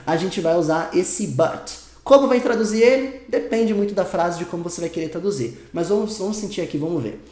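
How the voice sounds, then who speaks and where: A Brazilian man teaches in a relaxed, chatty way. He rushes through his asides and then slows right down to spell out each example. His voice rings in a bare, roomy space. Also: sits high. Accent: Brazilian Portuguese. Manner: lively, chatty teaching with quick bursts and slow drawn-out examples. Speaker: English teacher. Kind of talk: casual online language lesson.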